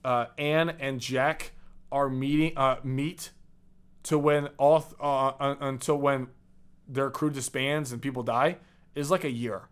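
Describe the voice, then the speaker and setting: A man's voice: mid-range voice, steady tone, unhurried, smooth. A young man co-hosting a podcast, telling pirate history in a chatty, storytelling way with frequent restarts. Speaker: podcast co-host. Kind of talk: casual history chat.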